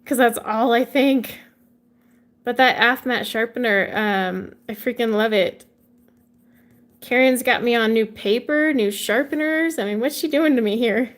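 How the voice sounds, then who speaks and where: Brief: woman, thirties, relaxed chatty stream host, voice a touch high. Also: measured pace. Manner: chatty, reads out and answers viewer comments with light laughs. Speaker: livestream host coloring with viewers. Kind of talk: casual chat while coloring.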